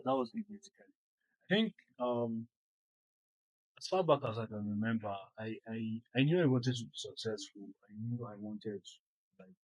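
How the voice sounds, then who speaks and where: A man's voice: fairly low pitch, a little mellow, no room sound, poor audio. A young Nigerian man with a Nigerian accent, talking as an interview guest in a hesitant way, full of ums and restarts. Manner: hesitant, many ums and repeated words. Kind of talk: casual interview chat.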